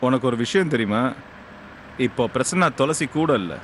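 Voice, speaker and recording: A man's voice: medium pitch, animated, normal speed, slight background noise, lightly acted. A man playing a cocky husband in a TV serial, answering a threat with sarcasm and mocking laughs. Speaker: character in a TV serial. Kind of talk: TV serial acting. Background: dramatic background score.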